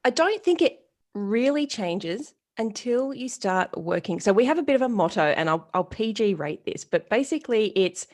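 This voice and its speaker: This retail strategist, a woman in her forties, has a voice on the high side and talks at a normal speed. Her interview answer is a casual, blunt story full of quoted dialogue, delivered in an animated way as she plays the people involved.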